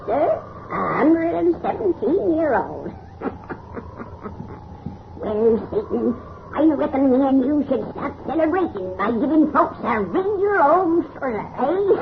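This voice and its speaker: A woman's voice: high-pitched, big pitch swings, slow pace, long pauses, full character voice. A woman playing a gleefully sinister, cackling 117-year-old witch who tells horror stories in folksy rustic speech on 1930s radio. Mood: sly, macabre. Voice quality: cracked, cackling old crone voice. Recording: noisy, muffled old radio recording.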